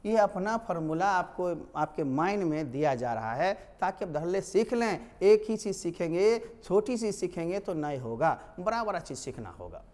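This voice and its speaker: High-pitched, emphatic male English teacher. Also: normal speed, few pauses, in a large hall. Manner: energetic, emphatic, drills pronunciation loudly. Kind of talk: online spoken English lesson.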